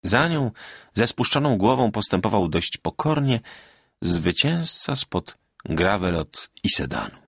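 A man reading a classic story aloud in a measured, expressive narrating voice. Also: on the low side, creaky, slightly rough, no room sound, clean studio sound. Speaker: audiobook narrator. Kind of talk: scripted literary narration.

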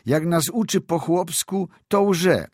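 A man's voice: a little high, slow pace, a little mellow, no echo, clean studio sound, voice pushed up. Man voicing a sulky peasant boy. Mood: aggrieved. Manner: whiny, complaining rural talk. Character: poor peasant village boy, sulky and stubborn.

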